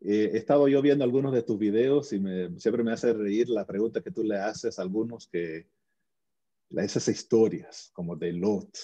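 Man, interview guest, very dark tone, husky, slightly low pitch, earnest casual storytelling, muffled lo-fi audio. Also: normal speed. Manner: earnest, talks with many restarts and tag questions.

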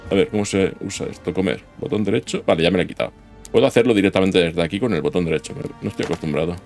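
A man's voice: sits low, racing, creaky, darkish tone. A man giving casual gameplay commentary, chatting to himself as he plays and letting out sudden yelps. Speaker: gaming YouTuber. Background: game music.

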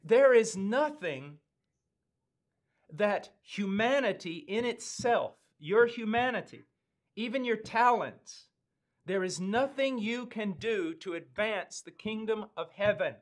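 A man in his fifties with an American accent, preaching a sermon in a slow, earnest, emphatic way with weighty pauses, seated in a studio. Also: high-pitched, expressive. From United States. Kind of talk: sermon teaching. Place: studio with dark backdrop, indoors.

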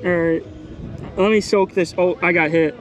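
Young male outdoors vlogger, higher pitch, upbeat chatter from a boat, action-cam sound with background music. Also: moderate pace. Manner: excited, chatty, calls viewers "guys" and "bro". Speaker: fishing vlogger host. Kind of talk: casual running commentary. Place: outdoors on a small boat on a bay. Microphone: body-worn action camera. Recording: music playing underneath.

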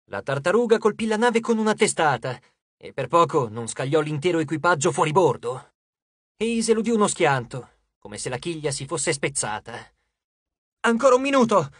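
An audiobook narrator giving a lively, dramatic scripted reading on a close studio mic. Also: medium pitch, moderate pace, slightly rough, dry recording.

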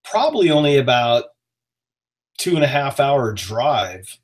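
A man in his forties hosts a live show from his home office, speaking through a webcam at an easy, friendly pace. He stops often on small fillers as he thinks, and his voice sits at a middling pitch. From northern Maine. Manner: relaxed, friendly, with frequent "uh" pauses. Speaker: host. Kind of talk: casual live-stream chat. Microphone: webcam on a video call.

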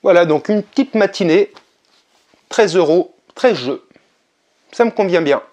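Chatty man, slightly high voice. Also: unhurried. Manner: relaxed, chatty, with hesitations. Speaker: video game collector vlogger. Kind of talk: casual vlog narration.

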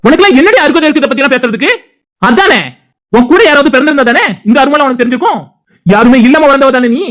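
A woman's voice: sits high, rapid-fire, close to an everyday voice. Woman voicing a furious scolding husband. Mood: angry scolding. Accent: Tirunelveli Tamil. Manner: scolding, insulting, heated. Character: angry loyal husband defending his brother. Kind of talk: cartoon dialogue acting.

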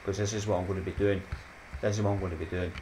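A Scottish YouTuber in his thirties, deep-voiced, speaks into a desk mic in a small room at home for a casual, chatty vlog outro. He rambles loosely and upbeat, laughing at his own jokes and dropping motivational sayings, yet his delivery is flat and racing. A faint hiss lies beneath his voice.

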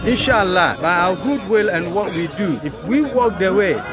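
A man's voice: high-pitched, lively intonation, moderate pace, over loud music. An older man speaking earnestly and solemnly outdoors.

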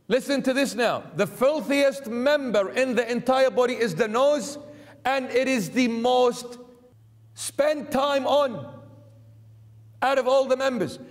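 A middle-aged man preaches an emphatic sermon in a church sanctuary, driving points home with repeated lists and rhetorical questions. His voice is very high, with lively intonation, and he takes it slowly. The hall is reverberant.

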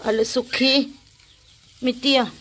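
A woman's voice: sits high, fairly even intonation, takes it slowly, noisy background. A woman filming a casual vlog in a stable, chatting to the viewer and coaxing her animals in a sing-song voice. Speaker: vlogger.

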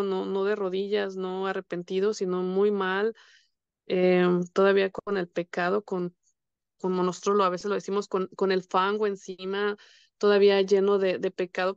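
Earnest woman, smooth voice. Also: medium pitch, darkish tone, no room sound, dull audio. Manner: earnest, emotional storytelling, quoting her husband and prayers. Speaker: panelist sharing testimony. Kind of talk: faith testimony in a podcast conversation.

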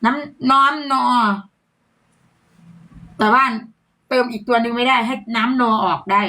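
A woman's voice: a little high, fairly even intonation, fast, bright, forceful tone, low-quality recording. A young adult woman with an Isan Thai accent, chatting playfully as a livestream seller and laughing often. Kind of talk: casual live-selling chat.

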